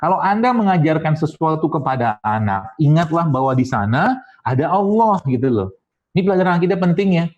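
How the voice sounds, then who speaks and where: A man's voice: on the high side, sing-song, fairly quick. A man giving a casual, jokey health talk to an audience, with sound effects and quoted voices. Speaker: Islamic health speaker. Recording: dull lo-fi sound.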